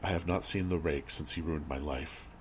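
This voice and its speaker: Male horror narrator, very deep register, measured and grave delivery, slight background noise and ambience. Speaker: creepypasta narrator. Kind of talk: scripted horror story narration.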